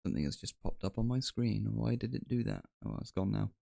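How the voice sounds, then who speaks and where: A man's voice: fairly low pitch, animated, fast, gravelly, dark tone, dry recording, clean studio sound. A man guesting on a live stream, easygoing and stumbling over his words. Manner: stammering restarts, easygoing. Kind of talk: casual chat.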